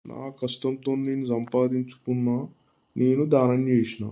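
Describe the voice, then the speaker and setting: A man voicing a lusty old village grandfather in a cartoon, speaking in a low, drawling way. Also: level tone, normal speed, mellow, slight background noise, close to an everyday voice. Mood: scheming. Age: older. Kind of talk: cartoon voice acting.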